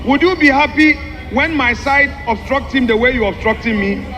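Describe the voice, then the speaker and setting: Male parliamentarian, very high bright voice, emphatic and deliberate formal address, echoing hall. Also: loud music behind the voice. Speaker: member of parliament. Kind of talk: formal parliamentary speech, explaining a document point by point. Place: large parliamentary chamber. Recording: echoey hall with long reverb, background noise.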